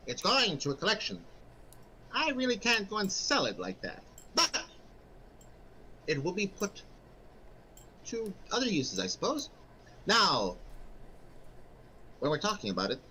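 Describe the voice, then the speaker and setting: An oily, mustache-twirling villain of a merchant, acted by a man at a game table. The delivery is theatrical and wildly swooping, with a bright, forceful edge. Faint noise sits behind the flattering sales talk. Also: sits high, heavily acted, rough recording. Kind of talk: tabletop role-play character acting. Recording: faint background noise, room ambience.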